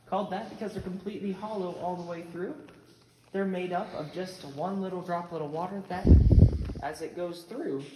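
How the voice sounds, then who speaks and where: A man's voice: sits high, fairly even intonation, moderate pace. A man leading a group through a cave, giving polite, instructive safety directions and facts. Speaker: cave tour guide. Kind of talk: guided tour talk. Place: inside a cave. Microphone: phone camera carried by a visitor. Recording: echoey cave with background noise.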